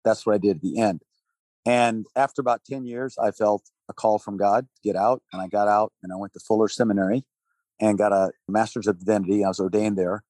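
A Texas-born man raised in Thailand, now in his sixties and heading a relief organization, answers interview questions conversationally and earnestly. His fairly low, slightly mellow voice has fairly even intonation and runs a little fast as he lists his points and chuckles between phrases, without room sound.

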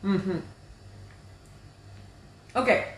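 A woman co-hosting a casual podcast chat from her kitchen, talking in quick restarts and laughing as she goes. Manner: chatty, restarts often, laughs while talking. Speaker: podcast co-host. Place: home kitchen. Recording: echoey kitchen.

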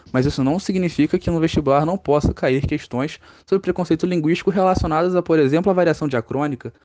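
A man's voice: fairly high pitch, darkish tone. Brazilian man teaching on a podcast. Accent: Brazilian Portuguese. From Rio de Janeiro, Brazil. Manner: asks and answers his own questions. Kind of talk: educational podcast explanation.

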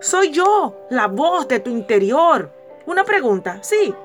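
A woman's voice: sits high, sing-song, takes it slowly, faint music behind, full character voice. A woman voicing a sly male devil in a spoken devotional story, coaxing a man with needling questions. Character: sly tempting male devil, whispering doubts.

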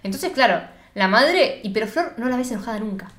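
A young woman with a Rioplatense Spanish accent talks at a rapid clip in a slightly high voice. She is slangy and expressive, slipping into voices for quotes. The room gives her voice a roomy echo. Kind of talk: casual chat.

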